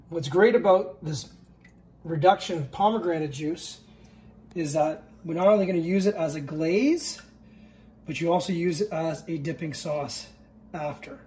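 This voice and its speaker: Relaxed man teaching a home recipe. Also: fairly high pitch, distant mic. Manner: easygoing step-by-step instructions, often checks in with okay. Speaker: home cooking show host. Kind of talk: casual cooking demonstration. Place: home kitchen, indoors. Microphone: camera mic at a distance. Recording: echoey kitchen, voice from off-mic.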